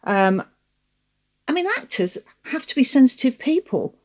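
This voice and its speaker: Calm woman counsellor. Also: high-pitched, unhurried. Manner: calm, thoughtful, tag questions. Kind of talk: reflective podcast discussion.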